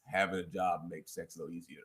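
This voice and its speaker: A man hosting a relationship advice chat, emphatic and preachy, quoting scripture and repeating key points slowly. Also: deep voice, little pitch movement, over a noisy crowd.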